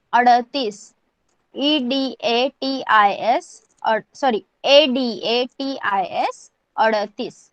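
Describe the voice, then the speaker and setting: Teacher, woman, online class: slow deliberate drilling, spells words aloud, dull dry audio. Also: on the high side, clear, resonant tone, no echo. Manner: slow, repeats each word, spells it out letter by letter; mixes English, Hindi and Marathi when explaining. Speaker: language teacher.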